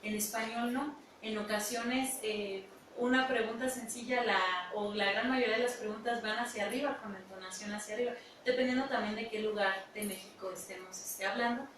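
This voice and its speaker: A woman's voice: a little high, fairly even intonation, moderate pace, few pauses. Hesitant woman teacher, echoey. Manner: hesitant, with fillers. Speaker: English teacher guest. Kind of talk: educational radio talk. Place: radio studio. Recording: echoey room, distant mic, noisy.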